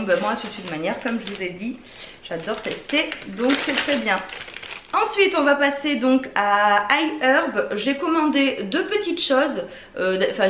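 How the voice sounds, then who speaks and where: A woman with a French accent, chatting enthusiastically through a beauty product haul, with many fillers. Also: mid-range voice. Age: adult with children. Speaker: beauty vlogger. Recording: echoey room, faint ambient noise.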